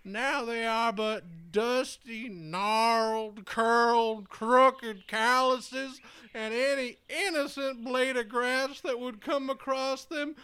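An actor playing a very old, frail hermit who wails grandly and at length in flowery, theatrical comic audio drama style. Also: male voice, very high voice, steady tone, bright, forceful tone, clean tone, exaggerated voice. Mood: melodramatic lament. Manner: grandiloquent, wailing, drawn-out complaints in flowery speech. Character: very old, frail, melodramatic male woodland hermit.

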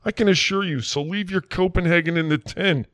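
Guy doing a rambling quack doc, folksy and sure of himself, fairly high voice. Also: brisk, a bit bright, no room sound. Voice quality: folksy, rambling, self-assured. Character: folksy small-town Wisconsin "doctor", middle-aged man. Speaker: comic character in a mock interview.

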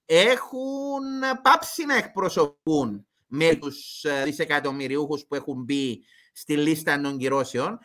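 A man's voice: on the high side, a bit bright. A man with a Cypriot Greek accent giving explanatory commentary as an expert guest in an interview.

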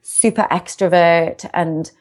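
A young British success coach, guesting on a casual interview, speaks slowly in a fairly low, slightly mellow voice with a steady tone. Her manner is bubbly and upbeat, with a self-reflective streak.

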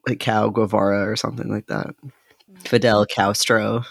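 A man's voice: on the low side, little pitch movement, moderate pace, vocal fry, breathy edge, dry recording. A man co-hosting a podcast in casual chat, joking, laughing and swearing freely. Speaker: podcast co-host.

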